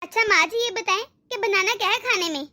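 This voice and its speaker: A woman voicing a meek, hardworking young daughter-in-law in an animated family drama, speaking politely and defending herself. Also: very high voice, fairly quick.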